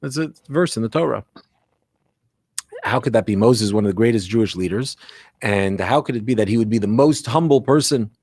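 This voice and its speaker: Offering religious guidance as a rabbi, this man reflects conversationally, frequently asking questions and checking on the listener. He sounds on the low side, expressive and brisk with a darkish tone, and there's no echo.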